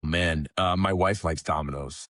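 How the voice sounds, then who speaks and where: Low-voiced New man chatting. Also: measured pace, no room sound, clean studio sound. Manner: relaxed, conversational, swears casually. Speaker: guest, pizzeria owner. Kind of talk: casual podcast chat.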